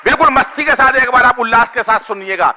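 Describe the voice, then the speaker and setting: A man's voice: very high-pitched, fast, bright, forceful tone, big-room sound. A man doing comic poetry at a stage poetry gathering, teasing the audience and asking them for applause. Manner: bantering with the audience, asks for applause. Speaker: stand-up poet. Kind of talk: kavi sammelan comic poetry.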